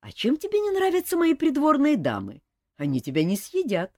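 A woman reading an audiobook, voicing a calm young king who teases with dry humor. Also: high-pitched, a little fast, dry recording, voice pushed up. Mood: teasing. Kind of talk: audiobook character voice.

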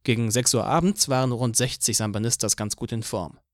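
A man narrating an audiobook in a steady, even storytelling manner. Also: mid-range voice, fairly quick, dry recording, studio quality. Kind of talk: scripted narration.

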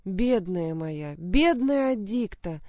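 A woman's voice: a little high, moderate pace, warm tone, dry recording, studio quality, voice pushed up, lightly acted. A woman voicing an anxious, tearful young noblewoman who speaks with urgent distress.

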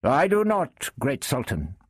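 A man's voice: mid-range voice, wildly swooping pitch, unhurried, slightly rough, no echo, clean studio sound, voice pushed up, heavily acted. A man voicing a young English knight who reasons firmly and earnestly. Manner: firm, earnest, argumentative.

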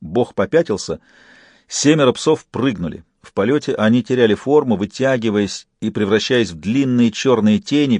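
A man reading an audiobook in an even, measured narration. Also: medium pitch, no room sound. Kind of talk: scripted narration.

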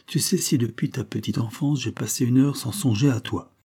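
A man reading and voicing a devoted foster mother who speaks softly and gently. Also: mid-range voice, normal speed, slightly rough, pitched above the performer's own voice. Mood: gentle. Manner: soft and gentle.

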